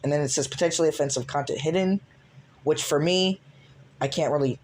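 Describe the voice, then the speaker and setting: A man's voice: a little high, fairly quick, slight background noise. A man telling a rambling storytime vlog, full of restarts and fillers. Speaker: vlogger. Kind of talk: casual storytime recap.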